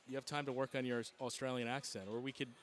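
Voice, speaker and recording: A man hosts a relaxed courtside conversation in a mid-pitched, ordinary voice. He asks questions in an easygoing way and laughs often. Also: fast. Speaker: host. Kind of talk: casual chat.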